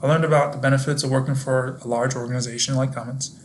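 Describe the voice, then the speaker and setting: Young man, scripted video presentation, explanatory, addresses viewers, flat intonation, faint noise. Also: medium pitch, fast talker. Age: young adult. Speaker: intern presenting his work.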